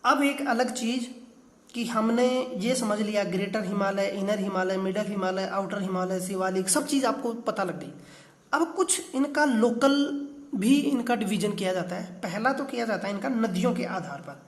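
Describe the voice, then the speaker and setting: A man teaches a geography class step by step, often posing a question and answering it himself while repeating key terms. His voice is high, his pace moderate, and the sound is reverberant.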